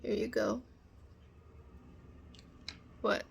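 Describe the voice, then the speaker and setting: A young woman voicing a bossy, teasing female roommate in a whispered role-play, speaking softly close to the mic. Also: a little high, little pitch movement, extremely slow, creaky, slightly rough, exaggerated voice. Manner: teasing, commanding, soft whispering. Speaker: ASMR performer.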